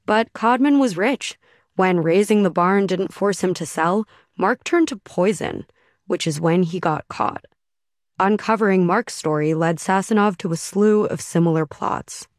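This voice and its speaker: A woman reporter narrating a radio feature story in a steady, measured way. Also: lowish voice, no echo, clean studio sound.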